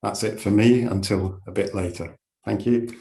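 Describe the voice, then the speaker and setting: A man's voice: lowish voice, steady tone, moderate pace, vocal fry, dark tone. A man who lectures and does research, fluently explaining his projects over a video call. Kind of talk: online panel self-introduction.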